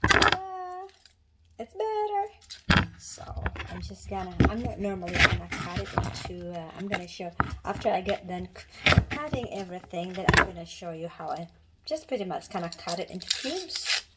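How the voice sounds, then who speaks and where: A woman's voice: on the low side, fairly quick. Woman from the Philippines, home cook vlogger, chatty and rambling, kitchen with a noisy recording. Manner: chatty, rambling, with many restarts and fillers. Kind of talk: casual cooking demonstration.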